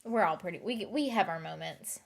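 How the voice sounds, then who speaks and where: A woman with a fairly low, creaky voice talks briskly and expressively. As a live streamer with a light Southern accent, she chats with viewers in a rambling, giggly manner, often restarting and overthinking aloud.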